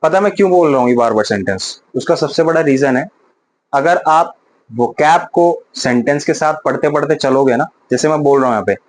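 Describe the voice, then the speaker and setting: A man teaching Japanese vocabulary in a casual lesson, repeating example sentences slowly and loudly. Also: on the high side, lively intonation, low-quality recording.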